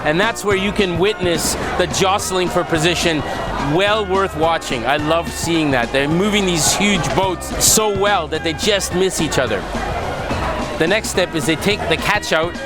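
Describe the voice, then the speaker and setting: A man's voice: high-pitched, unhurried, over a noisy crowd. A man hosting a travel vlog on location, explaining what is around him in an enthusiastic, casual way. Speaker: vlog host. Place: outdoors at a busy fishing harbor. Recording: outdoor harbor, background music, vehicle noise.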